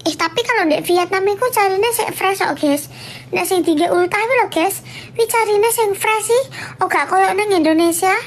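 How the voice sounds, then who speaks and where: A young woman with a Javanese accent, chatting casually on a livestream and telling a story with animated laughs. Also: very high-pitched, normal speed, a little hiss or hum. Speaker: livestream host.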